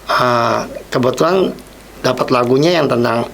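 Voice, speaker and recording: A man's voice: medium pitch, measured pace, creaky, a bit bright, a little hiss or hum. A man telling his personal testimony as a podcast guest, reflective and replaying his own past words.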